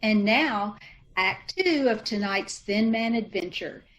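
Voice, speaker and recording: A woman announcer reading commercials and story narration in a measured, salesmanlike old-time radio style. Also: medium pitch, animated, fairly bright tone, a little hiss or hum, poor audio.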